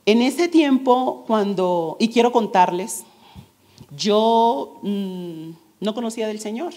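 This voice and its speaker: A woman's voice: mid-range voice, animated, slow pace, dark tone. A woman in her forties giving a testimony sermon to her congregation, earnest and direct, asking rhetorical questions.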